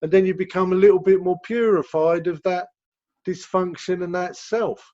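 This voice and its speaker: A man's voice: high-pitched, fairly even intonation, moderate pace, a little mellow. A man with an English accent answering questions as a rehab director on a video call, explaining at length and repeating words as he goes. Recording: dull lo-fi video call audio.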